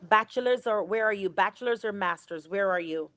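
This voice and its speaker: A woman's voice: mid-range voice, a little fast, a bit bright. A woman attorney speaking over a dry remote line with no room echo. She answers callers methodically, asking clarifying questions before giving options. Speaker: immigration attorney guest. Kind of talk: advising callers on a live show.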